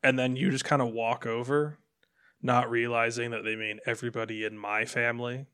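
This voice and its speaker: A man co-hosting a motorcycle podcast in relaxed, casual chat. His voice sits at an ordinary middle pitch. He gets animated and acts out little quoted lines as he goes. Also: a little fast, smooth. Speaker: podcast co-host.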